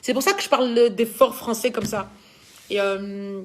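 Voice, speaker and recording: A young Belgian dancer with a Belgian French accent chats casually, reading out viewers' questions and answering them. Her voice is fairly high, with a steady tone and normal speed.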